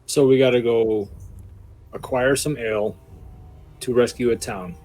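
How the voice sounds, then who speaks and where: A man's voice: mid-range voice, steady tone, unhurried, a little mellow, faint music behind. Guy player, straight to the point, asks a lot of questions, remote call. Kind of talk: casual tabletop game chat. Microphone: remote call microphone.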